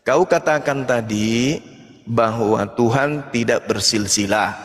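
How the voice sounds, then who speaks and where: Combative Indonesian preacher, high lively voice. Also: male voice, in a large hall. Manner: combative, taunting, preaching with scripture citations. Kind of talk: heated religious debate.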